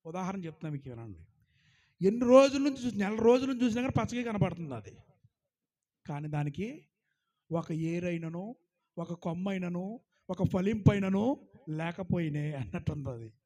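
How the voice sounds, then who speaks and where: High-voiced preacher, rising and falling. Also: male voice, animated, normal speed, long pauses. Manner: preaching with call-and-response, asks the congregation to praise loudly; surges loud on scripture, drops low and quiet for anecdotes. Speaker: pastor. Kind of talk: sermon.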